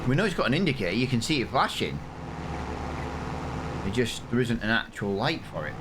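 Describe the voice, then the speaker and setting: The English host, in his thirties, keeps up a rambling, self-mocking let's-play commentary on a farming game for his gaming channel. His mid-range voice has a sing-song quality and runs a little fast, with background noise present.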